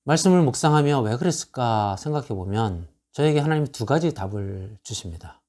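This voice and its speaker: A man's voice: mid-range voice, animated, fairly quick, a little mellow. A man preaching a sermon as pastor, reading scripture verses and pressing his point with rhetorical questions and repeated lists. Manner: quotes scripture verses aloud. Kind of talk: expository sermon.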